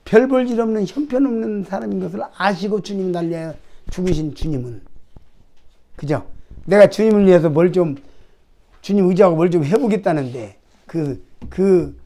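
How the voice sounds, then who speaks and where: Male pastor, high-pitched voice, conversational sermon delivery with rhetorical questions. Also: darkish tone. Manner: conversational preaching, frequent rhetorical questions to the congregation; acts out prayers and imagined dialogue with God.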